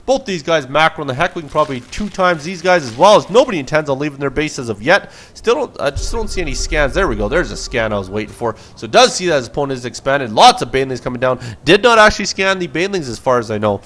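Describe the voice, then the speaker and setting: A man's voice: a little high, sing-song, quick pace, hardly any pauses, fairly bright tone. A man casting a video game replay with play-by-play commentary, casual and joking. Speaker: game caster.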